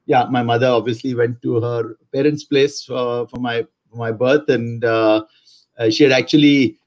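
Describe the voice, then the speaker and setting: A man's voice: medium pitch, steady tone, moderate pace, darkish tone, dull audio. An older man from India, telling his life story as a guest on a video call, full of fillers and restarts. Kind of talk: casual conversation on a video call. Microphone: video call webcam.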